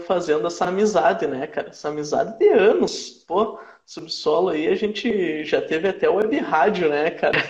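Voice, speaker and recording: A man with a Rio Grande do Sul accent, chatting casually as a podcast guest and often tagging his lines with "né, cara?". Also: a little high. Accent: Rio Grande do Sul Portuguese. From southern Brazil. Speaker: podcast guest, sports and music journalist. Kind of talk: casual chat. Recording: echoey, muffled live-stream audio.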